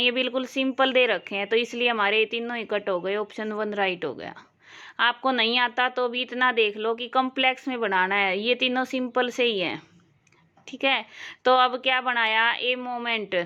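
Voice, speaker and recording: A woman from Haryana leads an exam-prep lesson in a bright, clear, slightly high voice. She talks slowly and patiently, checking back with her students as she goes. The recording is a little dull and lo-fi. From Haryana, India. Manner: slow, explanatory, asks learners questions. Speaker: English teacher.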